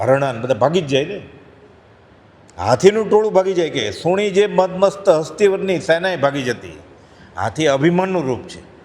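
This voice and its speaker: This spiritual speaker has a fairly high, somewhat mellow voice. Telling a parable as part of a devotional discourse, he performs the lions' voices, and the recording carries long hall reverb.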